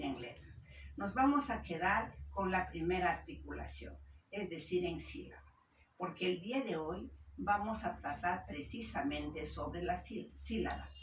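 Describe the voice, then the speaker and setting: A woman teacher giving a language lesson, explaining slowly, splitting words into syllables and checking in with her pupils. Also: on the low side. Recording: roomy echo, voice from a distance, faint background hiss.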